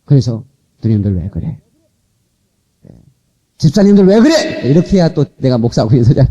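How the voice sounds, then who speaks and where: A Korean man preaching a revival sermon as pastor, animated, coaxing and scolding his congregation, heard from an old cassette tape transfer. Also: mid-range voice, a little fast, slightly rough, highs cut off. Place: church sanctuary.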